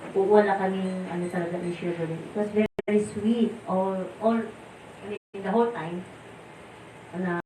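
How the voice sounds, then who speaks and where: A woman's voice: mid-range voice, fairly even intonation, normal speed, mellow. Filipino woman reminiscing, distant and roomy. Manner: rambling, searching for words, quoting others. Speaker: disciple sharing memories. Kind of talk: informal remembrance talk, Taglish. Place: temple hall. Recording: roomy, distant mic, faint noise.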